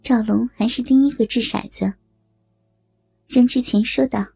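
A woman narrating a story in a steady way. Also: a little high, normal speed, vocal fry, husky, no room sound. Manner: steady narration, voicing characters. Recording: dry close voice with faint music.

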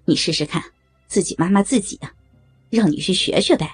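A woman's voice: on the low side, brisk, slightly rough, no room sound, faint music behind. A woman voicing a domineering young son-in-law in an audio story, with a mocking, taunting, bossy manner. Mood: sneering.

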